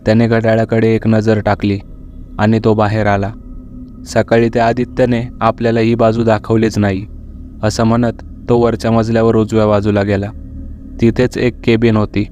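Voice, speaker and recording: A man narrating a horror story in a steady, measured reading. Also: on the low side, faint music behind.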